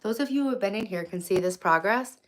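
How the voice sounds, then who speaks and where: Talking quickly in a mid-range voice, the streamer carries her phone from room to room at home, rambling casually with her viewers. She's blunt and easily sidetracked, and the recording has faint background noise.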